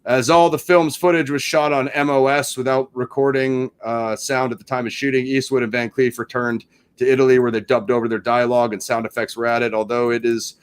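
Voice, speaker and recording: A man's voice: mid-range voice, level tone, fairly quick, smooth. Man, film review podcast host, casual chat, filler-heavy, reads trivia aloud. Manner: reads trivia then riffs on it; chatty, many fillers like "you know".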